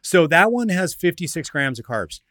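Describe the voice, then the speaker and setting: A man's voice: a little high, very animated, moderate pace, a bit bright. A man hosting a radio talk show, explaining in an instructive, methodical way like a coach.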